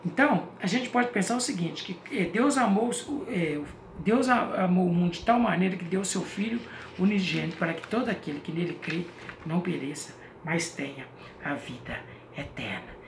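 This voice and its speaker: A man's voice: high voice, normal speed, gravelly. A man teaching a Bible sermon, reading scripture aloud and asking questions that he answers himself. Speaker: preacher. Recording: echoey room with faint noise.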